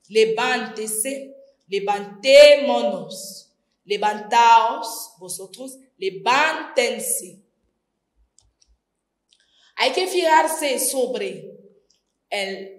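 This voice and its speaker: A woman teaching a distance-learning grammar lesson, slowly and deliberately spelling out each verb form. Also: mid-range voice. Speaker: Spanish teacher. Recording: echoey room.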